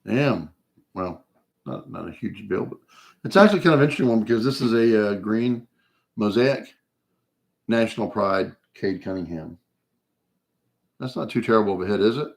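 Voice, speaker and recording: A man's voice: lowish voice, lively intonation, normal speed, gravelly, long pauses. A man hosting a live card break, talking casually with many fillers, losing his voice after a long stream.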